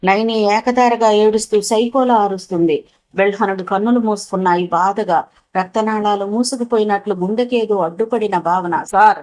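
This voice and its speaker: A woman narrating a novel as an audiobook, with a dramatic, expressive reading. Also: mid-range voice, moderate pace, rough recording.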